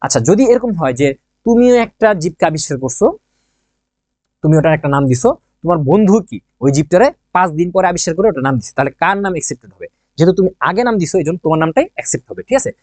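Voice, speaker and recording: Guy tutoring for exams, talks fast, keeps repeating stuff and joking, dry close sound. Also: sits high, lively intonation, darkish tone, no echo. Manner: chatty, jokey, repeats key points, asks and answers his own questions. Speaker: teacher. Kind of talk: online exam-prep lesson.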